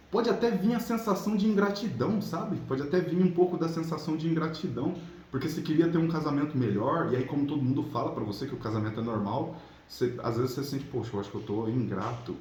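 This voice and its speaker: A relationship coach and channel host from São Paulo state, Brazil, chats colloquially with viewers, offering casual motivational advice and checking in with little tag questions. His voice is a little high and darkish, and he talks fast. The recording has a roomy echo and clearly audible background noise.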